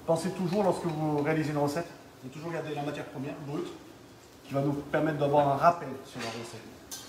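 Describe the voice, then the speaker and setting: A man's voice: a little high, fairly even intonation, fairly quick, a little mellow, echoey room, recorded from a distance, slight background noise, rough recording. A man co-hosting a live cooking demonstration, casually explaining his steps. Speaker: co-host cook.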